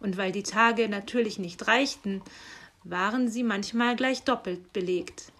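Slow calm lady reading a kids' story out loud. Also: medium pitch.

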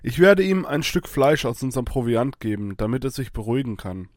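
A man's voice: mid-range voice, sing-song, fairly quick, darkish tone, dry recording, studio quality, lightly acted. A man doing a brave, kind young swordsman.

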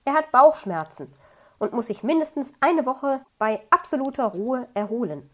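A woman voicing a kindly, caring male bear in a storybook reading, calm and polite. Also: high-pitched, moderate pace. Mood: explaining.

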